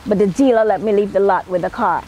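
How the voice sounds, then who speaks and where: A middle-aged woman with a Trinidadian accent speaks quickly in a medium-pitched, dark-toned voice, with a little hiss or hum in the audio. Working as a celebrity hairstylist and makeup artist, she gives an emphatic, motivational talk about herself to camera outdoors on a night-time patio, saying "okay" often.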